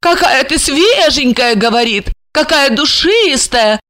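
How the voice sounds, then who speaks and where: A woman voices a greedy young woman in an audiobook, pitched very high and shrill. She nags and threatens in a slangy, demanding way, her voice leaping around. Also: expressive, slow pace, pushed and bright, exaggerated voice. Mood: pushy. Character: brash, greedy young woman, impatient schemer. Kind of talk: audiobook character voice.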